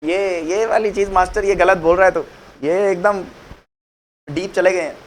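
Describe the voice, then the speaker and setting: High-pitched chatty accounts teacher, man. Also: fairly even intonation, normal speed. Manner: chatty, asks students questions and answers himself; mixes English phrases into Hindi. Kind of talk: classroom lecture.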